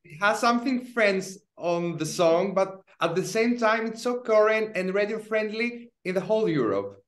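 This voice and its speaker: A man's voice: sits high, animated, normal speed. A young man interviewing a guest over a video call, friendly and upbeat. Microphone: webcam on video call.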